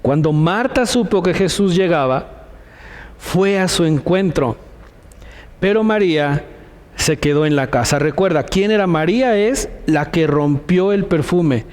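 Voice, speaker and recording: A man's voice: on the high side, expressive, measured pace, a little mellow. A man preaching a sermon in Mexican Spanish, retelling a scripture scene and dramatically voicing the characters' laments. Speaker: pastor.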